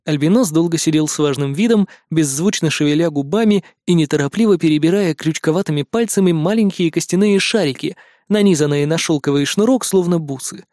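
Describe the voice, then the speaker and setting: Male audiobook narrator; slightly high voice, expressive, dry studio sound. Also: fairly quick, few pauses, no echo. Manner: expressive storytelling. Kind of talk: scripted narration.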